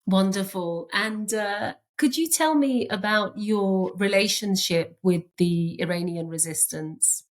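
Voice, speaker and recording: A woman's voice: mid-range voice, slow pace, few pauses, no echo. A woman hosting an interview podcast, polite and formal as she introduces her guest. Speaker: podcast host.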